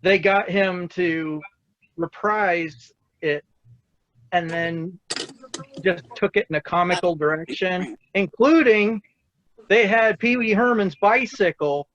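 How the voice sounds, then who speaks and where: Man, high voice, casual video call chat, restarts a lot, dry, slightly dull sound. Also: slow, a bit bright. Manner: chatty movie trivia buff, trailing restarts. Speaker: cosplay group member.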